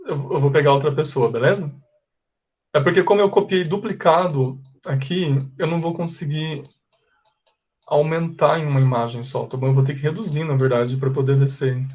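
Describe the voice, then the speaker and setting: A man's voice: fairly high pitch, moderate pace, darkish tone. A Brazilian-Portuguese-speaking man teaching English in an online class, patiently explaining pronunciation step by step. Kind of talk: online class, correcting students. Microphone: video call.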